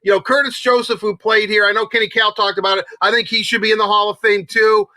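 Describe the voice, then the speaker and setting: High, bright-voiced excitable sports host. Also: male voice, quick pace, dry recording. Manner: excitable, rambling with many restarts. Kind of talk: casual sports talk.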